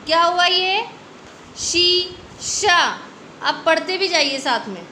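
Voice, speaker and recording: An Indian woman teaching a young children's Hindi class, drawing out each word slowly and asking the kids questions. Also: extremely high pitch, animated, sharp tone, slight background noise. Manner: slow, drawn-out word stretching with quiz questions. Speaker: primary school Hindi teacher. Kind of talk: online class lesson. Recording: echoey room with faint ambience.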